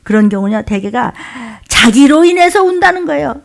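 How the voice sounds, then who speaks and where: A woman pastor delivers a fervent, emotional sermon in a gravelly voice that sits fairly high. She swings from loud, urgent bursts to low, muttered asides as she preaches. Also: lively intonation, moderate pace.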